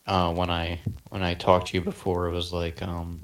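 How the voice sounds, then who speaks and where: A man's voice: low-pitched, monotone, moderate pace. A young man co-hosting a podcast, rambling and hesitant, his voice cracking now and then. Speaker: podcast co-host. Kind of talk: casual chat.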